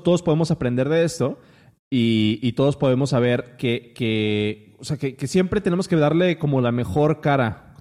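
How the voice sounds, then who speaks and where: A man's voice: mid-range voice, a little mellow, in a large hall. A man with a Mexican accent hosting a casual podcast chat, rambling with many restarts and fillers. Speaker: podcast host.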